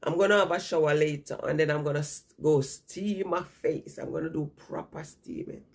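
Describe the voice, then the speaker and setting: Stuffed up from a cold, a woman vlogger talks casually to her audience at a normal speed in a low voice. She rambles, stays chatty, and says the same things more than once.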